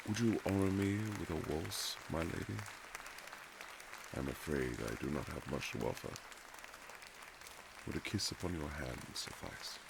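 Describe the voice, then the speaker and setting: In a romantic audio roleplay, a man with a gravelly, very deep voice plays a reserved, formal Regency husband who is awkwardly tender, speaking in halting period phrases. The mood is courtly and teasing, fully in character, with some background noise.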